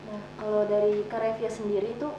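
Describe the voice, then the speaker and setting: Young woman interviewer, dull lo-fi audio with clear hum. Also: mid-range voice, little pitch movement, brisk. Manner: friendly, asks short questions. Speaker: host. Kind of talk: casual interview. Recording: roomy distant mic, dull, noticeable hum.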